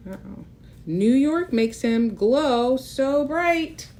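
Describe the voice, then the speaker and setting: Reading a picture book to young children, this read-aloud host has a high-sitting, slightly mellow voice and delivers it very slowly but with plenty of animation. She's expressive throughout, pausing for casual asides that explain things and draw attention to details.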